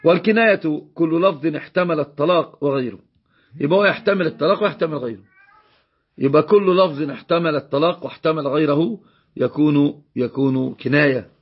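A man's voice: a little high, fairly quick, slightly rough, lo-fi sound. A man with an Egyptian accent teaching a religious law lesson, explaining a text and repeating key phrases for emphasis. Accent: Egyptian Arabic.

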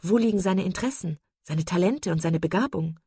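A woman's voice: lowish voice, animated, warm tone, husky, no echo, clean studio sound, exaggerated voice. A woman doing a fiery romantic young lady. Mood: eager. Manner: eager, indignant, quick.

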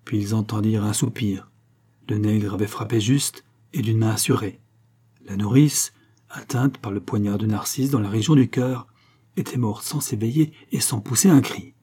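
A man reading an audiobook with measured, dramatic storytelling. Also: on the low side, fairly even intonation, dark tone, breathy edge. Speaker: audiobook narrator. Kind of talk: scripted audiobook narration.

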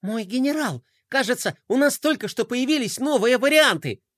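A man doing a shrill nervous robot sidekick. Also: expressive, moderate pace, fairly bright tone, no echo, clean studio sound. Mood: eager. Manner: strained, stammering, nervous giggle. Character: nervous fawning male robot adjutant.

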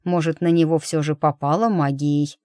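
A woman reading a gruff, blunt young male battle mage in an audiobook, speaking in a dry, matter-of-fact, grumbling way. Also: low-pitched, fairly even intonation, moderate pace, a little mellow, no echo, close to an everyday voice.

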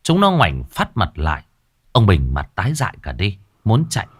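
A man narrating a ghost story in a dramatic, expressive way. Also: low-pitched, moderate pace, a little hiss or hum.

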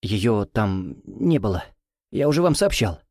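A man's voice: on the low side, very animated, measured pace, creaky, a little mellow, no room sound, full character voice. Male reader playing a nervous, cornered man who babbles his excuses. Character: flustered, frightened man caught lying.

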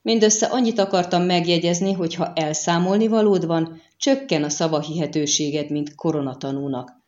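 A woman reading an audiobook and voicing a reserved male monster hunter who speaks calmly and dryly. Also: lowish voice, lo-fi sound, lightly acted. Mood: reasoned. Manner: calm, dry, questioning.

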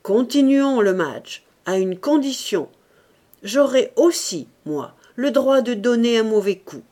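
A woman's voice: fairly high pitch, expressive, takes it slowly, dark tone, pitched above the performer's own voice. Woman doing beaten stubborn male fighter, strained, storybook reading. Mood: defiant. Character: battered giant male prizefighter, stubborn.

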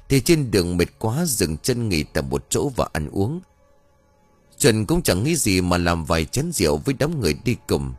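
A man's voice: low voice, no echo. A man narrating a ghost story in a formal, dramatic storytelling manner. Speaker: audiobook narrator.

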